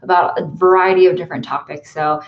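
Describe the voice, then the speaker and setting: Here a young woman from the US talks fast and casually on her livestream, rambling from her bedroom with frequent ums and likes. Her lowish voice keeps fairly even intonation. The recording has its highs cut off.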